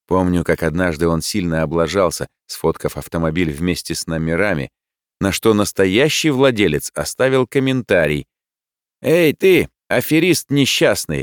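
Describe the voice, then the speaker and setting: Give me a wry male audiobook narrator with a low, animated voice. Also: dry recording, studio quality. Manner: wry and expressive. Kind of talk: first-person novel narration.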